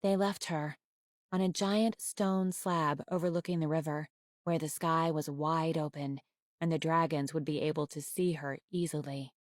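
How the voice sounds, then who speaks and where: Low-voiced woman reading a story aloud. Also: fairly even intonation, normal speed, dry recording, clean studio sound. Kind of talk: reading a children's novel aloud.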